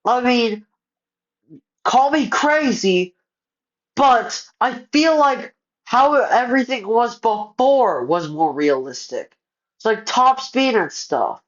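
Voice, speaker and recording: Slow, stumbling man ranting on muffled audio. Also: very high voice, animated. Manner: frustrated, heavy on filler words; stumbles and restarts words. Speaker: gaming YouTuber. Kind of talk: casual ranting commentary.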